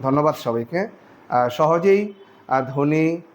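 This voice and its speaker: A man gives a grammar lesson in a fairly high voice. He explains step by step and breaks words into syllables, counting them out slowly for his students. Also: lively intonation. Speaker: teacher.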